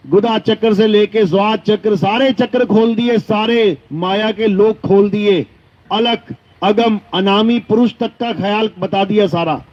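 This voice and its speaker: A man giving a devotional discourse as a spiritual teacher, slowly chanting verses and then explaining them plainly. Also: high-pitched. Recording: dull lo-fi recording.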